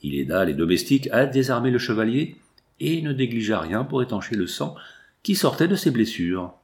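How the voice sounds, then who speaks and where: A man narrating a classic novel in a measured, formal reading style. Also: mid-range voice, sing-song. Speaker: audiobook narrator.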